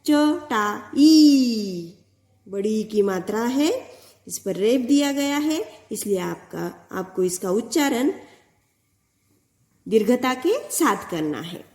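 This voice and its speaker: A woman teaching Hindi to primary school children in a recorded lesson, reading words out slowly and carefully, sounding out syllables one by one. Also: mid-range voice, expressive, a little mellow. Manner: slow, careful word-by-word reading, stretching out syllables. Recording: echoey room.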